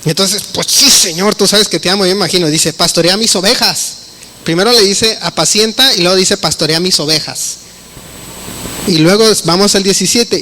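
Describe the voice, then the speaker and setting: A man's voice: high-pitched, pushed and bright, slight background noise. A middle-aged man, preaching a conversational sermon and acting out the quoted dialogue.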